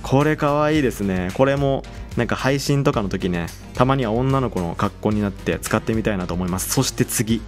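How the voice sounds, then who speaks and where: A young man chatting casually as he plays a game, excitable and quick to exclaim over what he sees. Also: lowish voice, faint music behind. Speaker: game channel host.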